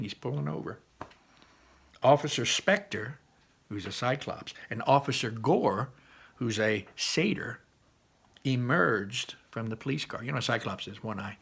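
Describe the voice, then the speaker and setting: A man's voice: on the low side, vocal fry, a bit bright, husky. A man teaching a read-aloud lesson, chatty and explaining with asides.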